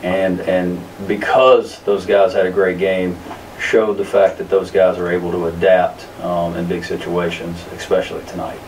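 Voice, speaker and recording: A man in his thirties, a basketball coach answering press conference questions in a measured way, with many fillers and restarts. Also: low voice, flat delivery, a little mellow, recorded from a distance, a little hiss or hum, low-quality recording. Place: press room in front of a sponsor backdrop.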